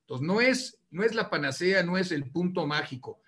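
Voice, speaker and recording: A man's voice: high voice, animated, moderate pace, bright, forceful tone. A man, a lawyer on a panel, explaining legal procedure at length and restarting his phrases often. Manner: explanatory, repeats words at the starts of phrases.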